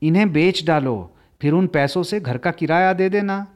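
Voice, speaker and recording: A man's voice: on the high side, expressive, moderate pace, natural voice. A man putting on an eager little girl. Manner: bright, pleading questions. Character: young girl, curious, eager and tender-hearted.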